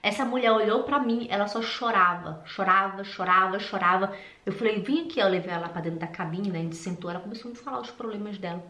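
A woman from Brazil telling personal stories and encouraging viewers in an animated, expressive way, recorded with a roomy echo. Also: mid-range voice, quick pace. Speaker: vlogger.

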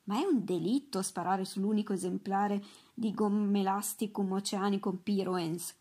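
A woman's voice: moderate pace, mellow, husky, close to an everyday voice. A woman reading aloud voices an eccentric old male professor in a storybook, fussy and full of enthusiasm. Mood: excited. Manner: fussy, shrill bursts of enthusiasm.

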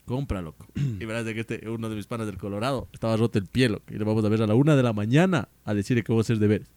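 A man's voice: lowish voice, racing, no echo. A young man telling a rambling story in a casual podcast chat, full of slang. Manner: rambling, slangy, animated storyteller who keeps saying "loco" and "mija". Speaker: podcast co-host.

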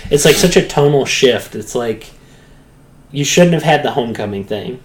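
A podcast co-host in casual chat, talking with animated energy and often slipping into mocking character voices. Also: medium pitch, moderate pace.

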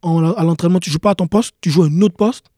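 A man's voice: sits high, quick pace, dark tone, dry recording, studio quality. A young man, a professional soccer player, talking casually in an interview and repeating his key points earnestly. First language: not English. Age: young adult. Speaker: guest, pro soccer player.

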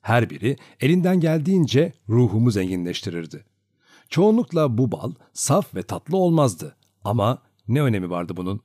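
A man narrating a novel as an audiobook, with expressive storytelling. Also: medium pitch, moderate pace, no room sound, clean studio sound.

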